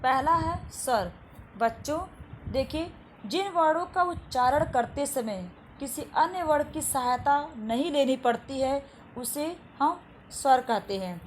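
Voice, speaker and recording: A woman's voice: high-pitched, animated, measured pace, a little hiss or hum. A woman teaching a lesson to children. She repeats each definition and asks and answers her own questions.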